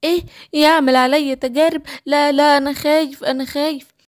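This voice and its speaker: Lady doing a tiny scared lion cub, high squeaky egyptian arabic, dry close sound. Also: fairly even intonation, fairly quick, dry recording, natural voice. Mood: frightened. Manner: high, childlike, easily frightened. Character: small scared young male lion cub. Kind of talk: storybook cartoon voice acting.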